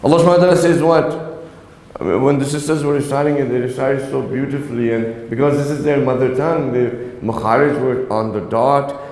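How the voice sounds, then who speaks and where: A man with a mid-range, darkish voice speaks a little fast with fairly even intonation. A native Urdu speaker, he gives an earnest, exhorting religious lecture to young people, often checking in with "right?". The recording has the echo of a reverberant hall.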